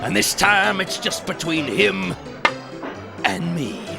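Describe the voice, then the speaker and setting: An actor playing a gruff, swaggering Western sheriff who blusters melodramatically in a comedy radio sketch. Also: male voice, high voice, big pitch swings, takes it slowly, music in the background, exaggerated voice. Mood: blustering.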